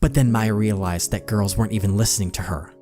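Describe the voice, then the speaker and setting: Reading fan fiction aloud for his channel, this man narrates theatrically over background music. His voice is fairly low and mellow, and his pace is quick.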